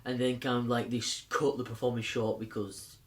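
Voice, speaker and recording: A man's voice: mid-range voice, little pitch movement, fairly quick. A man casually reviewing a film, rambling with lots of fillers and restarts.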